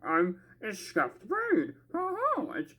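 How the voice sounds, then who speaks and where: A man's voice: extremely high pitch, wildly swooping pitch, slow pace, sharp tone. A man in a casual vlog, heard through a tinny microphone that makes him sound like he's talking into a can. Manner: rambling, loose, demonstrating. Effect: tinny can-like mic sound. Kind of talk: casual vlog about gear.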